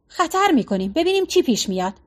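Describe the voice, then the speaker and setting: A grumbling, stubborn middle-aged husband who nags about every small fault, as a woman reads him in a storybook. The voice sits fairly high and bright for a man. It keeps a complaining, told-you-so tone. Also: very animated. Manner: complaining, nagging.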